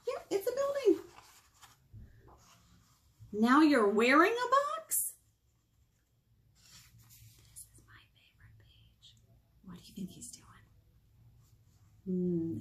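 A children's librarian in her thirties reads picture books aloud for kids' storytime in a lively, sing-song manner, dropping into whispers. Her voice is fairly high-pitched. She's recorded close on a webcam in a small room.

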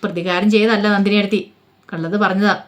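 A woman voicing a sharp-tongued young female lawyer who speaks in cutting, sarcastic retorts, in a spoken story retelling. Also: medium pitch, fairly even intonation, quick pace, natural voice.

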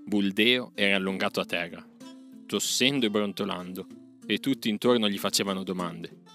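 A man narrating a classic story aloud with a measured, expressive reading. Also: fairly low pitch. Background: faint music.

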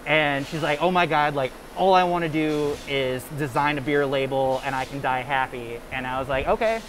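A young man chatting casually about beer in a large warehouse, relaxed, with lots of fillers. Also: a little high, moderate pace. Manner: relaxed, talkative with many fillers. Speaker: brewery guest. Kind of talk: casual chat. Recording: noisy warehouse room.

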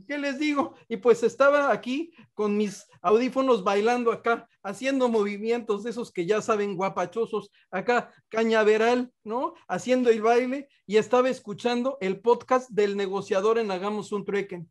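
A man's voice: high-pitched, fairly even intonation, moderate pace, hardly any pauses. A man with a Mexican Spanish accent, hosting a comic game-show style program with theatrical, joking patter. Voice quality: playful and theatrical, with joking asides. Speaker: show host.

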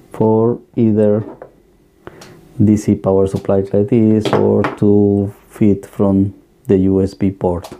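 Explaining gear at his electronics bench indoors, the host speaks in a gravelly, dark voice on the low side. It's a casual hands-on walkthrough, and his plain advice comes out haltingly with many fillers and restarts.

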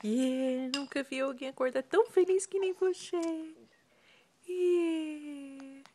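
A woman's voice: high-pitched, takes it slowly, mellow, slight background noise. A mother cooing in sing-song baby talk to her infant while filming on a phone camera.

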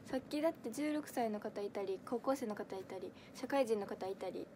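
A woman's voice: mid-range voice, expressive, a little fast, dark tone, a little hiss or hum. A young woman in her twenties with a Kansai accent, chatting casually on a livestream, giggly and full of fillers as she answers viewer comments. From Kansai, Japan. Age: 20s. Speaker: idol audition livestreamer.

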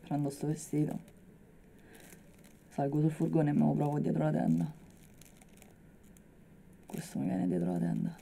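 A young woman acting a dramatic monologue as a subdued, working-class Roman woman confiding a painful memory, with a halting, colloquial Roman accent. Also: deep voice, very animated, gravelly, mellow, a little hiss or hum, exaggerated voice. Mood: numb, pained. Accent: Roman Italian. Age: young adult. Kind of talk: dramatic monologue, conversational and confessional.

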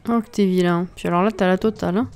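A woman's voice: fairly low pitch, fairly even intonation, quick pace, darkish tone. A woman hosting a let's play from home into a desk mic, giving casual, exasperated commentary and talking to the game characters.

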